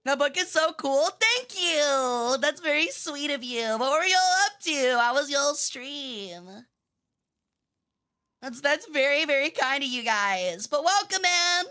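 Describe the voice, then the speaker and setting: A woman's voice: high-pitched, lively intonation, takes it slowly, pushed and bright. A woman livestreamer chatting to her viewers in a playful, cutesy anime-streamer manner.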